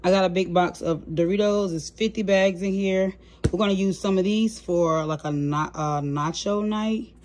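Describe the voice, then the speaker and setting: A young woman speaks at normal speed in a medium-pitched voice, casually listing her groceries with fillers in a relaxed, chatty manner. She's a vlogger filming her haul on a phone at home, staying off camera, and the audio has a slight hiss or hum.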